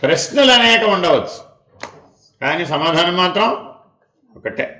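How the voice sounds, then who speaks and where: A man's voice: fairly high pitch, big pitch swings, normal speed, a bit bright. Man preaching in an echoey hall. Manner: rhetorical questions and repeated refrains, dropping to near-whispers. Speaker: spiritual teacher. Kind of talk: devotional discourse.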